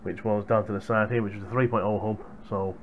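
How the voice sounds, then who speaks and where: Fairly quick and fairly even in intonation, this low-leaning male voice belongs to a young hardware reviewer casually chatting in a vlog. He's recording indoors in a small room at home through a headset boom microphone, and slight background noise is audible.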